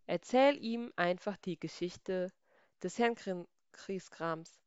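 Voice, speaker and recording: Slow, clear woman reading a story. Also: fairly low pitch, no room sound. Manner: slow, expressive, emphatic. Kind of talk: reading a children's story aloud. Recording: slightly dull, dry recording.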